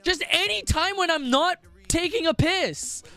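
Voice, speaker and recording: Young male streamer, high-pitched, talks in foul-mouthed rambling tangents over soft music. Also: unhurried, gravelly. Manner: crude, rambling, profane storytelling. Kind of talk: casual chat.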